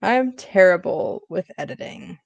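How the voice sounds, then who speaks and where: Lowish-voiced woman, dry close sound. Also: lively intonation, vocal fry, no echo. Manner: chatty, encouraging, quick back-and-forth. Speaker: co-host of a productivity stream. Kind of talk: casual chat.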